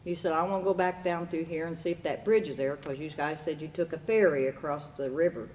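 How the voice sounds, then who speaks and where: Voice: medium pitch, steady tone, quick pace, a little mellow. A person chatting casually with family, asking questions and prompting memories. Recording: noisy room, away from mic.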